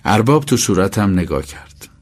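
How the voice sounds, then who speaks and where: A man's voice: lowish voice, animated, breathy edge. A man reading a novel as an audiobook, telling a first-person story. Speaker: narrator. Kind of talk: audiobook narration.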